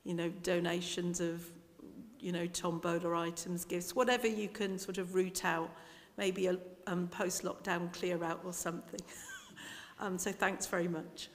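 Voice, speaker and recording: A woman's voice: fairly low pitch, level tone, a little slow. A woman giving informal church notices from memory. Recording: reverberant church hall.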